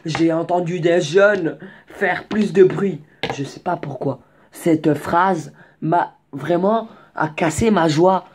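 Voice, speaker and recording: A man's voice: fairly high pitch, slow pace, breathy edge. A young man casually telling a story in slangy, rambling speech with many restarts and asides. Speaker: vlogger.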